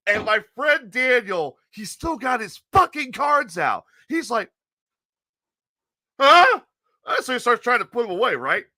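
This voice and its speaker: A male podcast host telling a rowdy story in an animated way, laughing often and swearing freely. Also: extremely high pitch, normal speed, hardly any pauses, no echo, studio quality.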